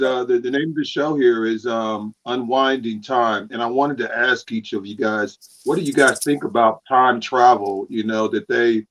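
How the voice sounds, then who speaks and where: Man asking rambling questions, dull sound. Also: medium pitch. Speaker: host. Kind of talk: casual podcast hosting.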